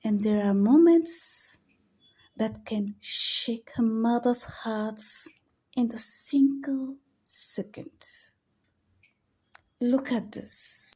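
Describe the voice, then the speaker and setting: A woman narrating a story in a soft, solemn, half-whispered voice. Her tone is husky and mellow, and she takes her time, moving through each line very slowly. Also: a little high. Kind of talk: scripted narration of an emotional story.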